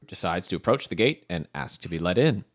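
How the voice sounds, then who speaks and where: Young male narrator, very low-pitched, reads game text aloud with a laid-back joking tone. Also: expressive, fairly quick. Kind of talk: reading out AI-generated game narration.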